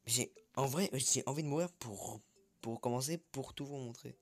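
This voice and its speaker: A young man giving jittery, excitable commentary while playing a horror game, swearing when startled. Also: medium pitch, moderate pace, faint music behind. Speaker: gaming YouTuber. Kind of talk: live gameplay commentary.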